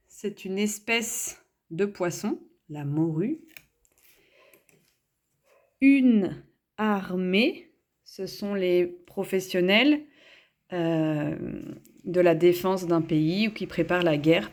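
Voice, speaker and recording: A woman teacher reading homework aloud, sounding out syllables one by one and patiently explaining simple words for young children. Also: fairly low pitch. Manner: slow, deliberate syllable-by-syllable reading. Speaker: schoolteacher. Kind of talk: homework reading and dictation lesson.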